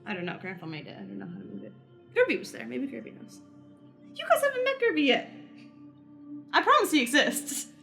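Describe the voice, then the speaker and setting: Bright, lively, higher-voiced woman gamer. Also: a little fast, vocal fry, pauses often. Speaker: player in a tabletop role-playing game. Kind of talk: casual improvised in-character table talk. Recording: music playing under the voice. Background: background music.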